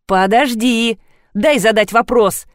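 A woman's voice: on the high side, slow pace, no room sound, studio quality. A woman reading a cheerful grown man. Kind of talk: audiobook reading.

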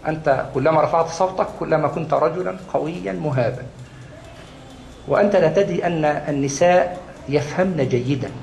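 A man's voice: a little high, brisk, gravelly, a little mellow. A man with an Egyptian Arabic accent giving a religious lesson to a class, repeating key words for emphasis and answering his own questions. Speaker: Islamic studies lecturer. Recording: echoey room, faint background noise.

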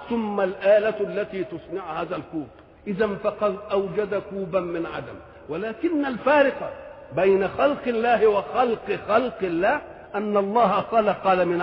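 An older man with an Egyptian accent delivers religious commentary in a high voice. He keeps asking his listeners rhetorical questions and moves between formal and colloquial speech. The recording is dull and lo-fi, with a long hall echo. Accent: Egyptian Arabic. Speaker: Quran commentator.

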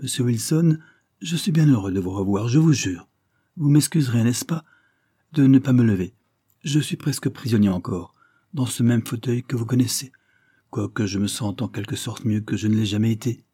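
A frail young lord with a low, languid voice and unfailing courtesy, read by a man in an audiobook. The tone is mellow and a little husky, set close and dry without room sound. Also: moderate pace, no room sound, natural voice. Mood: gentle. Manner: exquisitely polite. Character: frail young male nobleman, gentle and courteous. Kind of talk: audiobook character reading.

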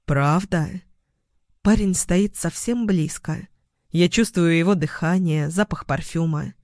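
Higher-voiced man reading a story. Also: a little slow, a little mellow, dry recording, studio quality. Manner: clipped, terse sentences. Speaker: narrator. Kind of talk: scripted first-person story reading.

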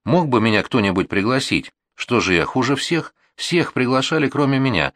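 A man's voice: mid-range voice, expressive, normal speed, fairly bright tone, no room sound, studio quality, voice pushed up, close to an everyday voice. A man voicing a hurt, sulky teenage girl in an audiobook, whiny and complaining. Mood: tearful. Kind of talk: audiobook reading.

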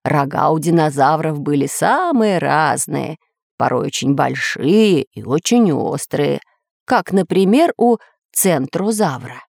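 A woman narrates a children's adventure story, her voice low-pitched yet lively in its rise and fall. Her delivery is expressive and measured. The recording is close and dry. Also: creaky, no echo.

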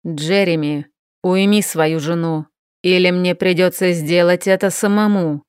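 A woman voicing a cold, menacing middle-aged male mage who talks in a slow, commanding way. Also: on the low side, clear, resonant tone, no room sound, studio quality.

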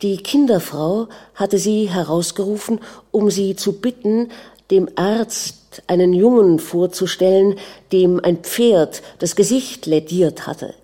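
A woman narrating a literary novel aloud in a calm, measured reading. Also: mid-range voice. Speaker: audiobook narrator.

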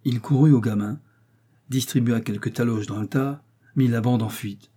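A man reading a novel aloud as an audiobook narrator, with steady, clearly phrased delivery. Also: mid-range voice, moderate pace.

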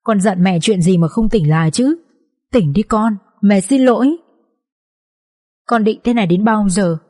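A woman voicing a grieving older mother who sobs and begs at her son's hospital bed, her voice high and strained. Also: unhurried, dark tone, lightly acted. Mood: grieving, pleading. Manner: sobbing, begging, high and strained.

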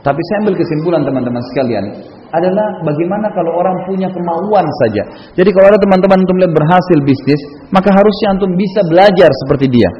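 A man's voice: high-pitched, fast. A man preaching a sermon, telling personal stories in a casual, conversational way. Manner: casual, anecdotal, frequent conversational tags. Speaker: Islamic preacher. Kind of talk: storytelling sermon. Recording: echoey hall, dull lo-fi sound.

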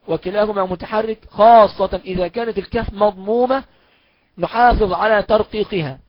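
A man with an Egyptian Arabic accent and a high-sitting voice teaches a recorded lesson on Quran recitation, heard in a dry, muffled recording. He explains step by step, asks himself questions and answers them, and chants the examples slowly.

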